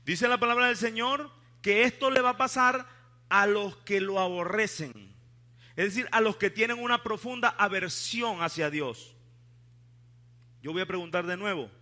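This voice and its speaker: A man's voice: high-pitched, measured pace, pushed and bright. A male pastor preaching a sermon in church, questioning the congregation and leading responses. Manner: asks the congregation questions, leads call-and-response.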